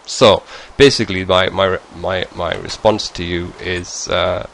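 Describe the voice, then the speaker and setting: Low-voiced rambling British man. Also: fairly even intonation, unhurried, fairly bright tone, low-quality recording. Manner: rambling, self-deprecating, chatty. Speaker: YouTuber. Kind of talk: casual Q&A vlog.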